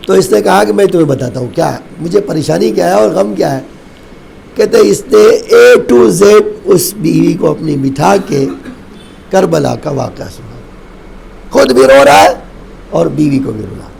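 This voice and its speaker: A man, a Shia cleric, telling a story in a mournful devotional sermon, with emotive sudden rises and drops and slow, drawn-out phrases at key points. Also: on the high side, big pitch swings, vocal fry, a little mellow, a little hiss or hum, low-quality recording. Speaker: Shia cleric reciting a majlis.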